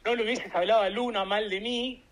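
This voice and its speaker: A man's voice: high voice, fairly even intonation, fairly quick, fairly bright tone. A man with an Argentine accent arguing back in an online voice chat, dismissive and insulting. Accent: Argentine Spanish. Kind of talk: heated argument.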